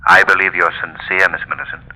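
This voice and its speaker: The Shadow, very low, bright, reverberant, vintage radio play. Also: male voice, fairly even intonation, fast, a little hiss or hum. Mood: puzzled. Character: the Shadow, calm commanding male crime-fighter. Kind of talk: 1930s radio drama acting. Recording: echoey old radio broadcast.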